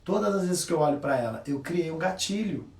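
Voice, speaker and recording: A Brazilian man giving a motivational talk, telling stories with lots of slang and animated delivery. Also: a little high, brisk, far from the mic. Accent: Brazilian Portuguese. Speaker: coach. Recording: echoey room.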